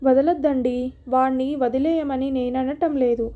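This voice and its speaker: A woman's voice: high-pitched, fairly even intonation, unhurried, mellow, highs cut off. A woman voicing a worried middle-aged wife who pleads anxiously with her husband. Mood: pleading.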